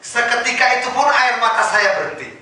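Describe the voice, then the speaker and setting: A middle-aged man giving a personal testimony at a church prayer service, swinging between loud, emotional passages and hushed ones as he speaks to the congregation. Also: extremely high pitch, a little fast. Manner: addresses the congregation directly. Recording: echoey church hall from a distance.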